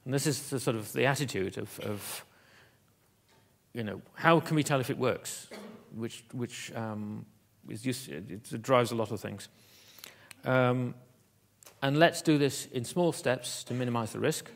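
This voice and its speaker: A man with a medium-pitched voice and some vocal fry delivers a keynote in a conference auditorium. His speech is halting, full of fillers and restarts.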